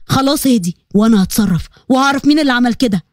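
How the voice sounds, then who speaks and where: A woman voicing a calm, protective older brother with an Egyptian Arabic accent, speaking in a soothing but firm way. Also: on the high side, rapid-fire, dry recording, clean studio sound, pitched below the performer's own voice, natural voice.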